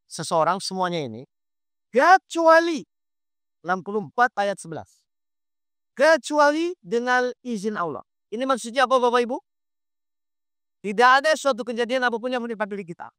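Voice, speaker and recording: A man delivers a lively sermon, constantly testing his listeners with quick questions. His voice is bright and crisp. The sound is dry and close. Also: very high-pitched, dry recording. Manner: quizzes the audience with quick rhetorical questions; lively, conversational preaching. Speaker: Islamic preacher. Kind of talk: sermon to a congregation.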